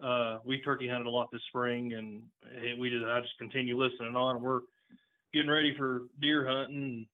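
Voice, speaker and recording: A man's voice: medium pitch, little pitch movement, normal speed. A man from Virginia calling in to a show over a phone line, chatting in a casual, hesitant way. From Virginia, United States. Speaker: phone-in caller. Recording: narrow, tinny phone line.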